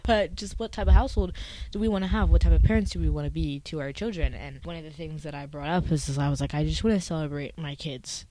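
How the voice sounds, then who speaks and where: A woman's voice: deep voice, quick pace, warm tone, poor audio. A young woman talking casually and emotionally to her viewers, chatty and slangy, laughing often and getting teary. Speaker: vlogger. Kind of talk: casual heartfelt talk to camera.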